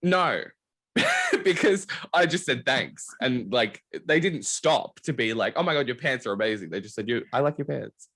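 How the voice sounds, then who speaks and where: Speaking at a normal speed in a slightly rough, mid-range voice, a young man hosts a casual podcast chat. His storytelling is animated and riddled with "like" fillers.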